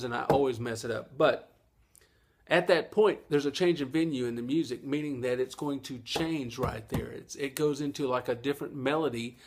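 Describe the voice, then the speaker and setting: A middle-aged man, giving a casual, folksy ukulele lesson and laughing at his own jokes. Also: medium pitch. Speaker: ukulele teacher.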